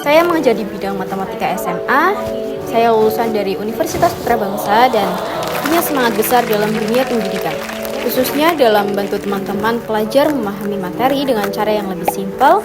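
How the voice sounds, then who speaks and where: A bright-pitched young woman gives an upbeat, encouraging self-introduction as a tutor. Her scripted words come over a loud bed of background music. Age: young adult. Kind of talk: scripted self-introduction in a class role-play.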